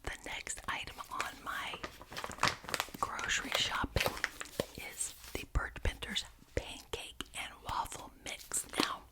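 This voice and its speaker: A woman whispering breathily in an ASMR ramble, enthusiastic and chatty, gently repeating phrases for emphasis. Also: takes it slowly. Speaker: ASMR video creator.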